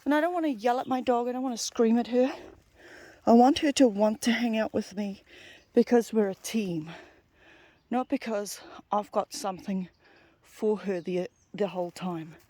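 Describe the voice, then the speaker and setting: A woman's voice: fairly high pitch, normal speed, mellow, no echo. New Zealand woman, dog trainer, chatty explainer, outdoor walking vlog. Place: outdoors in native bush on a walk.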